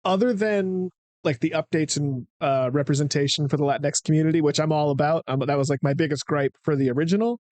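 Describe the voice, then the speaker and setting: Male co-host, slightly high voice, dry close recording, skeptical and halting. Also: darkish tone, dry recording. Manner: skeptical, searching for words. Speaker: podcast co-host. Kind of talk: casual chat.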